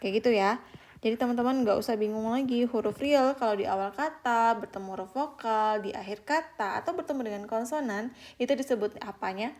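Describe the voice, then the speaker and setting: A young woman giving a patient online beginner language lesson, repeating example words slowly and often addressing her viewers as friends. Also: a little high, darkish tone. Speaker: Korean language teacher.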